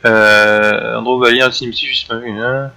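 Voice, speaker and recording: A man's voice: mid-range voice, level tone, unhurried, vocal fry, bright, forceful tone. A man streaming a video game live, chatting with viewers and his teammate while he plays. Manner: chatty, reacts to chat and game while playing. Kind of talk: live gameplay commentary.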